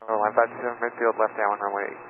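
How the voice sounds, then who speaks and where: A low, gravelly male pilot rattles off clipped cockpit calls at very high speed. The voice comes over a tinny radio link with faint noise. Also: little pitch movement, very fast. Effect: pilot's cockpit radio transmission.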